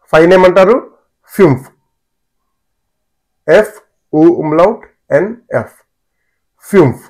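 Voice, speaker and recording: A man teaching a German language lesson, slowly repeating words for learners to copy. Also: fairly high pitch, darkish tone.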